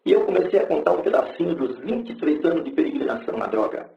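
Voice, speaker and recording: A man's voice: a little high, lively intonation, fast talker, vocal fry. A middle-aged man gives a testimony sermon in a church, telling his story in a colloquial, plain-spoken way. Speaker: preacher giving his testimony. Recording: echoey, dull lo-fi recording.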